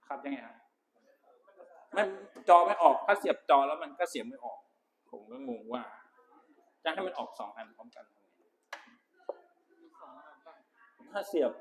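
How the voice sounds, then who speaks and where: A man's voice: medium pitch, expressive, measured pace, long pauses. A man lecturing to a class in a chatty way, switching between Thai and English terms, recorded on a phone in a lecture room. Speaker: university lecturer. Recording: echoey room, faint background noise.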